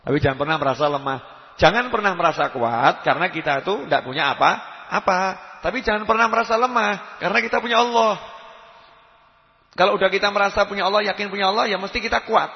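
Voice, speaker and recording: A man giving a religious lecture, lively and emphatic, dropping to soft asides. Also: high-pitched, a little fast. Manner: lively preaching, rising to emphatic calls, drops to soft asides. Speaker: preacher. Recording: lo-fi reverberant hall recording.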